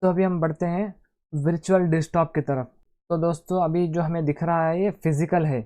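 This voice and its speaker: A man hosts a casual computer tutorial, talking his viewers through each keyboard shortcut step by step. His voice is mellow and warm. He addresses the audience as friends and narrates every click as he goes. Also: fairly high pitch, fairly even intonation, moderate pace. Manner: chatty, keeps calling viewers "friends", walks through steps aloud. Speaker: tech tutorial host. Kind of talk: casual screen-recorded tutorial.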